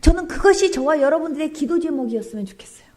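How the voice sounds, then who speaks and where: A woman pastor preaching with a very high, lively voice that leaps up and down. She is fervent and exclamatory, then drops into hushed whispers to press a point home. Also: quick pace. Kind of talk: emotional testimony sermon.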